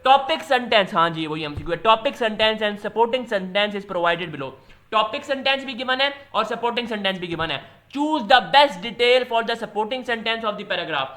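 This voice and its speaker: A man with a Pakistani accent, explaining entry test questions as a tutor in a loose, chatty way, reading English questions out slowly. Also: high voice, expressive, bright, forceful tone. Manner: switches to slow, deliberate pace when reading English questions; loose, chatty teaching with fillers.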